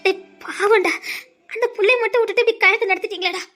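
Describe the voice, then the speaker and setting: A worried middle-aged mother in a TV serial pleads with her sons in a soft, reproachful way. Her voice sits very high even when she speaks low and sorry. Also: fast talker, faint music behind. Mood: remorseful.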